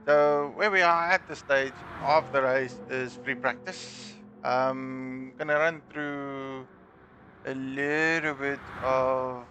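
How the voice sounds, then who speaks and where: Through a gaming headset at his home desk, a middle-aged South African stream host and league admin with a Dutch accent runs a live sim racing stream, joking at his own expense and using plenty of fillers. His mid-range voice has a sharp tone, and the sound is lo-fi with a little hiss or hum.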